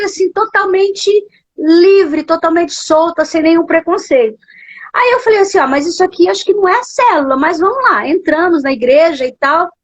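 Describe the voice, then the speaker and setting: A woman with a Brazilian Portuguese accent, a pastor giving an emotional testimony in a live interview, her voice sometimes breaking. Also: extremely high pitch. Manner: emotional storytelling, voice breaking at times. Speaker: guest, pastor. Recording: dull lo-fi live stream audio.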